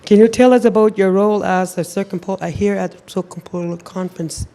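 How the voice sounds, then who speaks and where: A woman's voice: medium pitch, steady tone, brisk, mellow. A woman asking questions as a broadcast interviewer.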